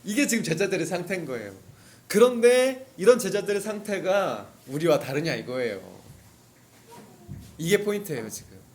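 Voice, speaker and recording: A male pastor delivers a relaxed, conversational sermon, telling the story vividly and acting out the characters' cries. His voice sits high and swings widely in pitch. He keeps turning to the congregation with questions. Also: moderate pace.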